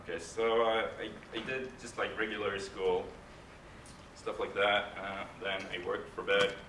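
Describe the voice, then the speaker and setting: A man giving a casual conference talk, halting and hesitant with frequent restarts. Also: on the low side, flat delivery, bright, forceful tone. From Norway. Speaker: conference speaker, game composer. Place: large conference hall. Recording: echoey hall, distant mic, room noise.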